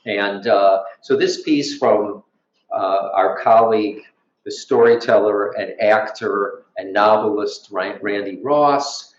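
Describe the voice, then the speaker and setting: Low-voiced man introducing, rambling. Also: a little hiss or hum. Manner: rambling, with dry asides. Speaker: event host. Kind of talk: introducing the next reader. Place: art gallery at a live event. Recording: roomy, dull live recording.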